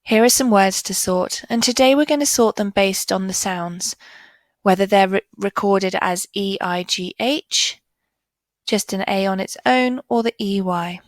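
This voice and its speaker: Slow, careful woman phonics teacher. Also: medium pitch, dry recording, rough recording. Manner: slow, clearly sounding out letters and words. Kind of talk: primary school phonics lesson.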